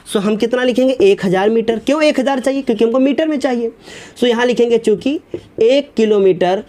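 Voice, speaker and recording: Working through numericals step by step in a whiteboard lesson, a physics teacher speaks in a very high-pitched voice with a darkish tone. He often checks his students are keeping up and addresses them with affectionate, fatherly names.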